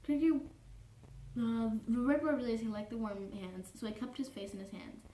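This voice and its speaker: A prim, easily offended young troll, played by a woman, reads aloud in a formal, pedantic tone, stopping to correct and apologize. The voice is mellow and a bit dark. It is heard from a distance in an echoey room with faint background noise. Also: on the high side, normal speed, natural voice. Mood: prim, fussy. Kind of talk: cosplay character reading fanfiction aloud. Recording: roomy echo, distant mic, faint noise.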